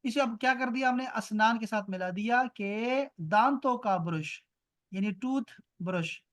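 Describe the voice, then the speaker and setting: Man teaching a slow, repetitive online lesson. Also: high voice, a bit bright. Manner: explains slowly, repeating words and switching to quick asides. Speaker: Arabic teacher. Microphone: video call.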